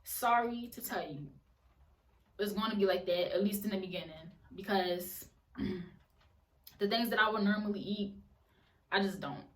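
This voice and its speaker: A woman's voice: medium pitch, unhurried, pauses often, distant mic. A woman giving casual advice in a vlog, chatty and repeating phrases for emphasis. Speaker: vlogger. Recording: roomy echo, voice away from mic.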